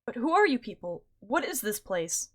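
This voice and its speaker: A woman's voice: fairly high pitch, sing-song, moderate pace, fairly bright tone. A woman voicing a nervous young man on his first day at an office job in a game, asking anxious, flustered questions.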